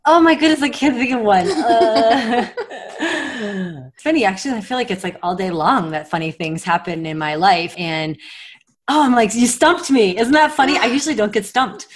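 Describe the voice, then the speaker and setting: A woman's voice: fairly high pitch, animated, moderate pace. A woman in her forties, a mother, talking in a casual podcast interview with a chatty, sarcastic humor and frequent laughs. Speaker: guest, mother of several children.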